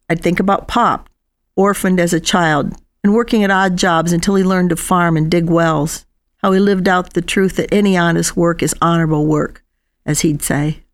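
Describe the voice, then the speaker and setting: A woman narrating a personal memoir in an unhurried, reflective storytelling manner. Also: on the low side. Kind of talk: reading a personal memoir aloud.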